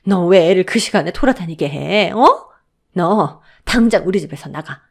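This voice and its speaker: A woman voicing a harsh, spiteful older mother-in-law who scolds in a shrill voice. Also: sing-song, fairly quick, dark tone. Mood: screaming.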